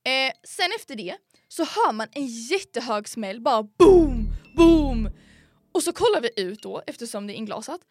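A young woman co-hosting a podcast, telling a story in a casual, animated and dramatic way with lots of fillers. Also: a little high. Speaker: podcast co-host.

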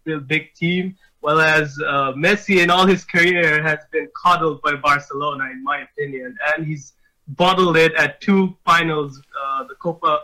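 A man's voice: a little high, fairly even intonation, moderate pace, bright, forceful tone, rough recording. A man from Bangladesh phoning a football show, giving firm, emphatic opinions. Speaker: caller. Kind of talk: casual phone-in chat.

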